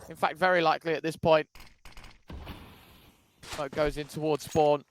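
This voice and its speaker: Higher-pitched male esports caster. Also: flat delivery, normal speed. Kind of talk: esports match commentary. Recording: gunfire and game noise behind. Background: video game gunshots and clicks.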